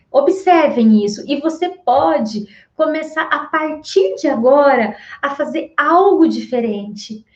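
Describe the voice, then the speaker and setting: High-voiced Brazilian woman guiding gently. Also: echoey room, highs cut off. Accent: Brazilian Portuguese. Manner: slow, soothing, with long pauses. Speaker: family constellation therapist. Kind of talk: guided reflection talk.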